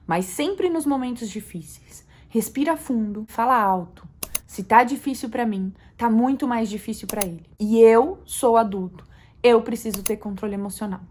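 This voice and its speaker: A young Brazilian mother with a Brazilian Portuguese accent, talking to camera in a calm, soft-spoken, reflective way that rises at times to earnest emphasis. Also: on the high side, normal speed, a little hiss or hum. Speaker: mother vlogger.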